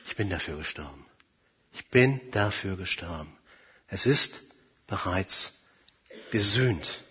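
A man voicing Jesus as a calm, merciful man, speaking low and quietly. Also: takes it slowly, husky, exaggerated voice. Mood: reassuring. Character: calm merciful Christ figure, a gentle male savior. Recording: dull sound, long hall reverb.

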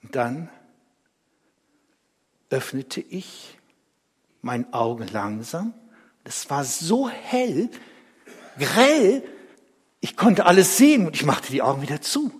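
A man giving a dramatic first-person biblical monologue, vivid and emotional, moving between hushed and loud. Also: mid-range voice, slightly rough. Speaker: storyteller. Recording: reverberant hall.

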